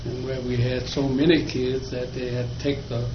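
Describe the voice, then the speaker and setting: Recalling his childhood with a chuckle, an older interviewee from Virginia spins slow, folksy stories for an oral history. His medium-pitched voice has a flat delivery at normal speed. The room is echoey and the sound lo-fi and dull, with a little noise.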